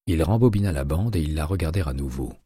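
A male narrator reading a crime audiobook at a measured, even pace. His voice is very low and dark, with a husky edge, and the recording is close and dry with no room sound at all. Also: no echo.

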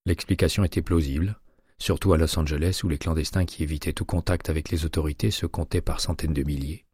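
A male narrator reading a crime audiobook at a measured, even pace. His voice is very low and dark, with a husky edge, and the recording is close and dry with no room sound at all. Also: dry recording.

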